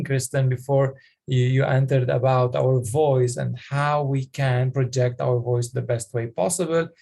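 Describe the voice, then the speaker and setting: A man coaching public speaking on a video call, talking haltingly with many fillers and restarts. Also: mid-range voice, gravelly, warm tone. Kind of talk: online coaching session.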